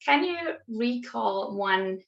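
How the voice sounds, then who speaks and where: A woman's voice: mid-range voice, animated, takes it slowly, gravelly, muffled recording. A woman hosting an interview show, upbeat and encouraging, with some hesitant restarts. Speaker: interview host.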